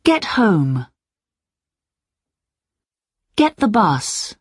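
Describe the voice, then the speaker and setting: A woman reading short vocabulary phrases one by one, deliberately, for an English lesson. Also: medium pitch, very animated, darkish tone, breathy edge, no echo, clean studio sound.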